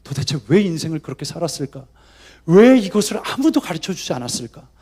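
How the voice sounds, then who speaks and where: Animated Korean man preaching a sermon. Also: fairly high pitch, brisk, husky. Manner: animated, acts out quoted voices. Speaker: guest preacher. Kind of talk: revival sermon with storytelling. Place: church sanctuary.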